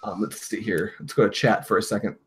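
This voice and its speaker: A man's voice: fairly low pitch, fairly even intonation, brisk, background noise. A man hosting a casual livestream chat, easygoing, agreeable and talkative, reading comments from the chat. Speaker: livestream host. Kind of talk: casual livestream chat about hookah tobacco.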